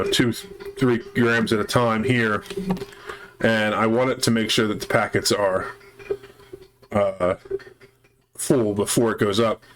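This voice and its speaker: A man with a chest cold, speaking in a voice on the low side over a noisy background, hosts a let's play for his gaming channel. He explains his base repairs carefully, one step at a time.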